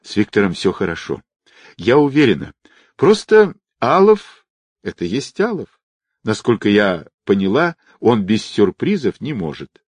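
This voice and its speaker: A man reading aloud, voicing a calm young woman who soothes her friend in a matter-of-fact way. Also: lowish voice, measured pace, dry recording. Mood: reassuring.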